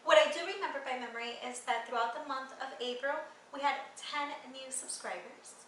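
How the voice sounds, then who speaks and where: High, bright woman chatting in echoey room. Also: a little fast, slight background noise. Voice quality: laughs often while talking. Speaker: co-host. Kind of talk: casual chat. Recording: echoey room, far from mic.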